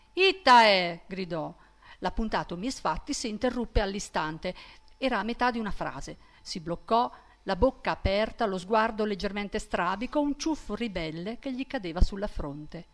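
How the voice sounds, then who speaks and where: A woman reading aloud from a novel with clear, attentive narration. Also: mid-range voice, expressive, normal speed. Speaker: reader.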